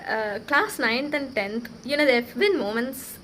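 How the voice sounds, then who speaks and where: A woman's voice: fairly high pitch, unhurried, a little hiss or hum, poor audio. Earnest young woman telling a story. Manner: earnest, animated, acts out quoted dialogue. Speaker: vlogger. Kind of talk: casual personal storytelling.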